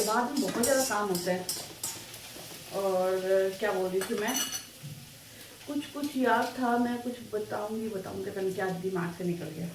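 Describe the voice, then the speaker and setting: A woman's voice: mid-range voice, darkish tone. Middle-aged woman home vlogger, chatty and rambling, built-in mic, echoey room, faint noise. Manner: chatty and rambling, speaks straight to viewers. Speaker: family vlogger. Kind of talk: casual home vlog chat. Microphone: built-in phone or camera mic, no external mic.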